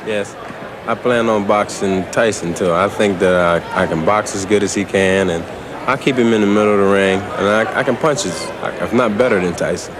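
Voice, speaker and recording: A man's voice: on the low side, normal speed. An American man in his twenties, a boxer, giving interview answers. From United States. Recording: noisy location interview.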